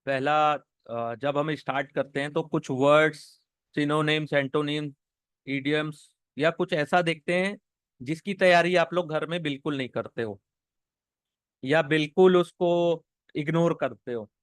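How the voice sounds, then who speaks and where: A man gives a classroom vocabulary lesson at an unhurried pace, in a slightly raised voice. He spells each word out letter by letter and keeps checking in with the class before moving on. The recording is dry, with no room echo. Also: on the high side, clear, resonant tone. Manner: spells words letter by letter, repeats "theek hai" often. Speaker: English teacher.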